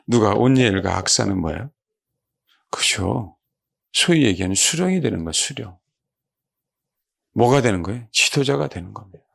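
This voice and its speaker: A man preaching a sermon as a pastor. He asks his congregation rhetorical questions and softly repeats key words. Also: on the low side, vocal fry. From South Korea. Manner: lively, exclaiming.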